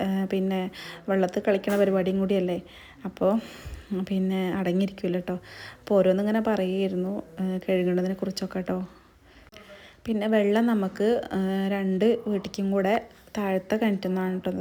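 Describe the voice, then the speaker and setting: A woman's voice: medium pitch, warm tone. A young woman narrating her family vlog in a casual, chatty voice-over, tagging friendly asides onto her sentences. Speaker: vlogger.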